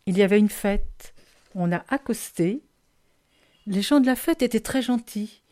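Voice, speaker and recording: A woman reading a children's picture book aloud, gentle and expressive, with a lively storytelling emphasis. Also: medium pitch, measured pace.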